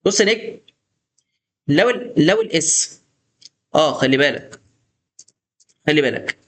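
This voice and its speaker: A man's voice: on the high side, lively intonation, measured pace, a bit bright. Chatty Egyptian man teaching code. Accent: Egyptian Arabic. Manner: chatty, coaxing, talks to the viewer directly. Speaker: programming tutor. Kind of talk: casual screen-share coding lesson.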